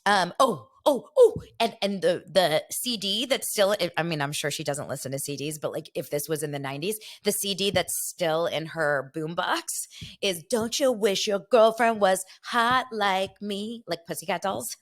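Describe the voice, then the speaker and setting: Reading out viewer comments, this young podcast host from Los Angeles gossips and chats with lots of energy in a laid-back conversation. She talks at a normal speed in an expressive, medium-pitched voice.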